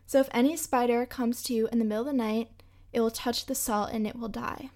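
A woman quoting a male tour guide as he calmly explains camp rules. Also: on the high side, brisk, close to an everyday voice. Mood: explaining. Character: male tour guide, calm and matter-of-fact.

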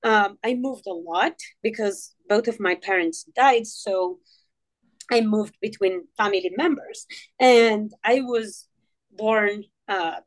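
A woman's voice: medium pitch, slow pace. A woman from Morocco whose first language is Tamazight, speaking English as a podcast guest, with many fillers and restarts. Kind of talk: casual interview talk.

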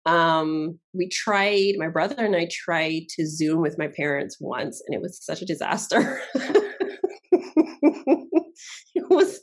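A woman from Barbados talks with a low pitch as a guest in a casual interview. Her talk is chatty and relaxed, and she laughs easily between her points. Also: slow pace, pauses often. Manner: chatty, laughs often, lively asides.

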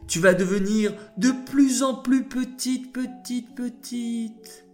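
A man voicing a kind, patient God who consoles the moon in a children's story, speaking low, slow and reassuring. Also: big pitch swings, soft background music. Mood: explaining.

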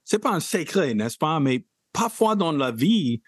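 A man hosting an interview, asking measured questions that he often tags with "n'est-ce pas". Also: a little high, big pitch swings, breathy edge, no echo, clean studio sound. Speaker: radio host.

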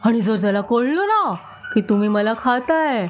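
A woman's voice: fairly high pitch, very animated, normal speed, faint music behind. A woman playing a sly giggling frog. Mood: teasing. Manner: cheeky, giggling, teasing. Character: sly fat frog, cheerful trickster.

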